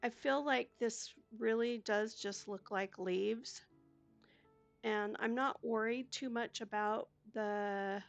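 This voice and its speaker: Older woman, slow and gravelly, chatty gameplay commentary with soft game music underneath. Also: fairly high pitch, fairly even intonation. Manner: chatty, soft-spoken, talks herself through each step. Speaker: gaming YouTuber.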